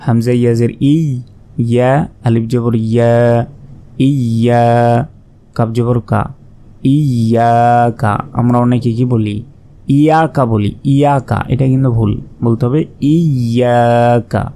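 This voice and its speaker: A man teaching recitation, spelling out each syllable slowly and then reciting with long drawn-out vowels. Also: mid-range voice, little pitch movement, warm tone. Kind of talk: slow spelled-out pronunciation lesson.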